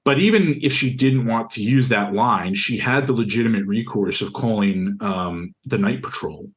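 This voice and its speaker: A young adult man, a university student, recounts a personal experience in an interview in a deep, carrying voice. He speaks at a moderate pace, earnest but stop-start, often repeating words while searching for the next one.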